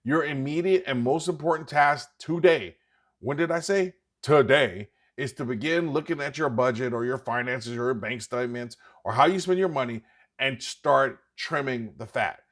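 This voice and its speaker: A man's voice: medium pitch, moderate pace, fairly bright tone. A man hosting an investing channel, talking straight to his viewers in an emphatic, urging way and repeating points for stress. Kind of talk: scripted direct-to-camera commentary.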